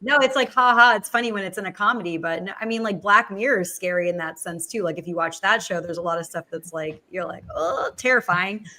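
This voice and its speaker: A woman's voice: lowish voice, quick pace, few pauses, bright, forceful tone. A woman co-hosting a casual panel chat, agreeable and chatty, using many fillers.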